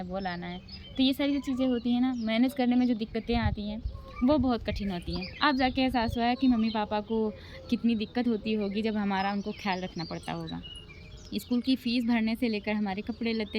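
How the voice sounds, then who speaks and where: A young woman vlogging casually at home, soft and emotional as she reflects, still recovering from being unwell. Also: medium pitch, a little hiss or hum. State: recovering from illness. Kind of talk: casual vlog talk to camera. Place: at home, near singing birds. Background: birds chirping.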